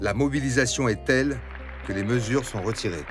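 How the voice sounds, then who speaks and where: A man giving scripted documentary narration in a measured, solemn way. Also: medium pitch. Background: music.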